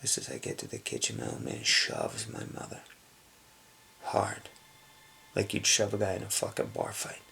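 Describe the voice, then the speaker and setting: A man playing a gravelly hushed tough guy. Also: huge pitch swings, moderate pace, pauses often, a little hiss or hum, full character voice. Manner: hushed, low confessional storytelling, often near a whisper. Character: hardened adult man from a rough Brooklyn upbringing. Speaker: actor. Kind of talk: dramatic film monologue.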